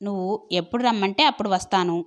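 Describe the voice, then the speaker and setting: A woman's voice: mid-range voice, fast, close to an everyday voice. A woman voicing a lovestruck young man who talks tenderly and affectionately in an audio love story.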